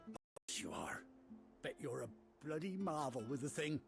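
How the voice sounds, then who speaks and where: An actor playing a chatty, excitable rustic villager in a video game, talking in a folksy, colloquial way. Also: male voice, fairly high pitch, moderate pace, vocal fry. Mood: excited. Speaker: game character. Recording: game audio with loud music. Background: game music.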